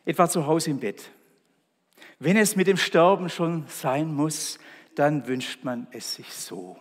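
Male preacher, somewhat high-pitched, solemn and deliberate, long church reverb. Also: expressive. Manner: solemn, slow and deliberate with weighty pauses. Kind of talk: Good Friday sermon with scripture reading.

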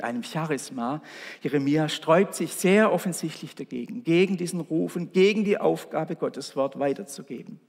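Husky-voiced preacher in a reverberant hall. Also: male voice, fairly high pitch, a little mellow. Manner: earnest, storytelling, addresses congregation directly. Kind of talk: sermon.

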